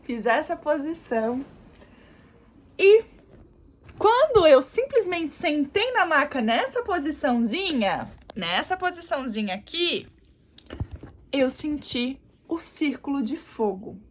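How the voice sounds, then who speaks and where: A young woman vlogger casually telling a story to camera in an animated way, often calling out to her viewers and showing what she did. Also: sits high, slow pace, long pauses. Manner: animated, addresses viewers as "gente", demonstrates positions. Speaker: vlogger, new mother.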